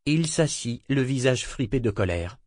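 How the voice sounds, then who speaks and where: A man narrates an audiobook in a measured, expressive, scripted reading. His voice is mid-range, and the clean studio recording has no room sound.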